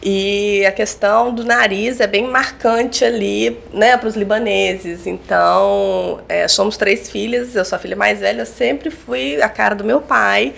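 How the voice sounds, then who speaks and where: Gravelly-voiced woman in her forties. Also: mid-range voice, fairly even intonation, unhurried, hardly any pauses, a bit bright. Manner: candid storytelling, acts out quoted dialogue. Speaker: psychologist and lecturer. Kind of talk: casual podcast chat.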